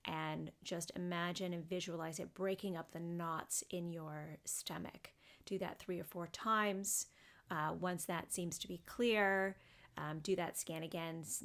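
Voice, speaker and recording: A woman psychotherapist talking through a guided body scan meditation in a gentle, unhurried way, with frequent fillers. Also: on the low side.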